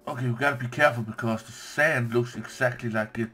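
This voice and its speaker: A man giving casual let's-play commentary on his game, playful and quick to gush with delight. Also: medium pitch, steady tone, pushed and bright, soft background music. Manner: playful, gushes with delight, says "yoink" and "bam". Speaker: gameplay commentator.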